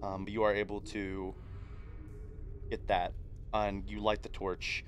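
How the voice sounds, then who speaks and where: Halting Midwestern man running a tabletop game. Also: fairly low pitch, completely flat delivery, a little hiss or hum. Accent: Midwestern American. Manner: halting, many fillers and restarts. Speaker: game master. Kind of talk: narrating a tabletop game stream.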